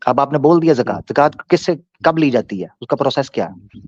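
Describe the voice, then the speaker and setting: Male debate host, mid pitch, teasing then lecturing, lo-fi dry audio. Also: animated, darkish tone, husky, no room sound. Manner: teasing, pressing, then slow and lecturing when explaining. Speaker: debate host answering a questioner. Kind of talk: explanatory debate talk. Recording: dull dry lo-fi sound.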